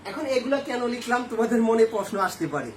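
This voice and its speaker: Speaking extremely high and fast with big pitch swings and a darkish tone, a male Bangladeshi teacher with a Bangladeshi Bengali accent explains grammar to his class step by step, answering the questions he asks. Recorded in an echoey room with faint ambience and slight background noise.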